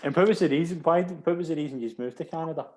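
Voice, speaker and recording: A man's voice: on the high side, quick pace, a little mellow, rough recording. A man hosting a podcast interview, often restarting his questions and answering with brilliant. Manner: repeats words, says "brilliant" often. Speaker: podcast host. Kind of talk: casual interview.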